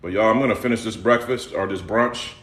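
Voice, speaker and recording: A man's voice: on the low side, fairly quick, a bit bright. Laid-back Houston man in an echoey kitchen. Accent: Houston, Texas. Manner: laid-back, talks straight to viewers, repeats phrases. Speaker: livestream cooking host. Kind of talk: casual live-stream chat. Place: home kitchen.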